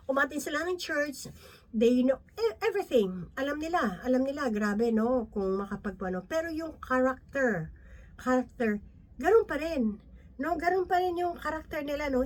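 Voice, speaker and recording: A chatty woman preacher with a higher voice gives a Bible teaching talk. She speaks conversationally, often ending lines with "no?" and "di ba?", and mixes English phrases in.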